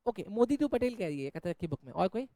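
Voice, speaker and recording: High, mellow-voiced teasing male teacher. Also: sing-song, a little fast, no room sound. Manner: teasing, scolding jokingly, calls students "beta". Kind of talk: Hindi-English accounts lecture.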